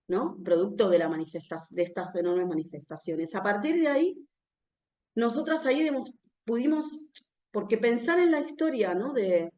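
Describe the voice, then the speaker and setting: An Argentine woman with an Argentine accent gives a live political talk to an audience in a room, and the recording has a roomy echo. Her voice is mid-range with a darkish tone, and she speaks conversationally, often ending phrases with a questioning "no?".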